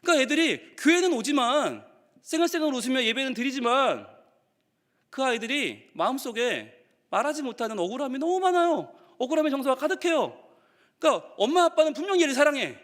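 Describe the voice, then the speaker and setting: A male pastor preaches in a high, lively voice that swings widely as he tells stories. He acts out the quotes along the way. The sermon echoes with a long reverb through a church hall. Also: a little fast. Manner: animated storytelling, acting out quotes. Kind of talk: sermon to teachers. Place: church sanctuary.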